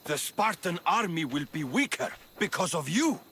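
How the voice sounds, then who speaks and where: A harsh male Spartan drill trainer roars scolding threats. His voice is bright and forceful, swinging widely in pitch, with game music behind. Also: big pitch swings, normal speed, a little hiss or hum, heavily acted. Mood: furious.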